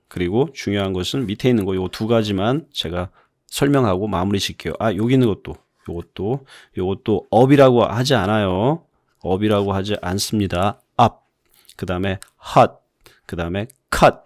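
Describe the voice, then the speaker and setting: A man's voice: lowish voice, dry recording, clean studio sound. A middle-aged man teaching an English phonics lesson in a chatty, explanatory way, often repeating points for emphasis.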